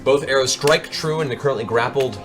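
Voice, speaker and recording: Over background music, a male game master with a mid-range voice talks a little fast while narrating a fantasy tabletop game. His delivery is descriptive and dramatic, like a storyteller's.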